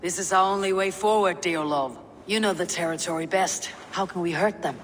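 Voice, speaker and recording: An actress playing a steady female Viking war leader in a video game, calm and decisive. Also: on the low side, moderate pace, big-room sound, slight background noise, close to an everyday voice. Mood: resolute.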